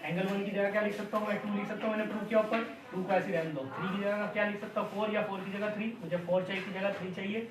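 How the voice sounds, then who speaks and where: Man, high voice, math teacher, echoey room, distant noisy mic. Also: fairly even intonation, very fast, few pauses, crowd noise. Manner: calls students "बेटे", asks "Is it clear?" often. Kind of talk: classroom math lesson, mixing Hindi and English.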